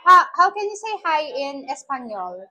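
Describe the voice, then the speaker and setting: Bright and forceful, with a high-sitting, sing-song voice at normal speed, a woman vlogger with an Ilocano accent chats playfully on camera. She teases small children at a village gathering and mixes languages as she talks casually.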